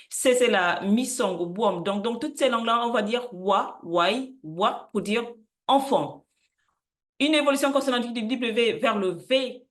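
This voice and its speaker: Measured woman explaining word roots. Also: medium pitch, fairly bright tone. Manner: careful, listing words slowly with frequent hesitations; unsure of pronunciation in languages she does not speak. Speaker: channel host presenting word roots. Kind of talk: educational explainer.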